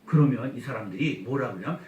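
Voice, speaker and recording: A man preaching a humorous revival sermon, getting the congregation to repeat after him and mimicking slow regional speech. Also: medium pitch, animated, darkish tone, highs cut off. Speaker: guest pastor at a revival meeting. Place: church sanctuary. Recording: echoey church hall, mic at a distance.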